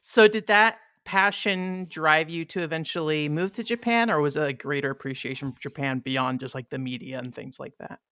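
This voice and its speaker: A podcast host asks curious, loosely phrased questions in a casual interview. The voice is smooth and resonant. The recording is close and dry. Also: medium pitch, steady tone, normal speed, hardly any pauses, sharp tone, dry recording.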